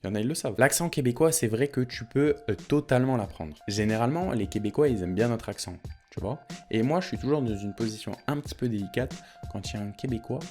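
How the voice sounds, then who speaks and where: A young man from France talks straight to his viewers with a French accent, joking and chatty, tossing out asides. His voice sits at an ordinary middle pitch. Soft music plays faintly behind him. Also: fast. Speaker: vlogger. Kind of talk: casual direct-to-camera vlog.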